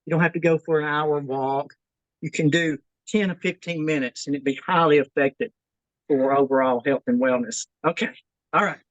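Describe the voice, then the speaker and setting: A woman's voice: low-pitched, steady tone, normal speed, no echo, muffled recording. A woman leading a workout on a video call, slightly out of breath, encouraging and repeating that people should keep it simple. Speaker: fitness instructor. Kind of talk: workout demonstration and advice.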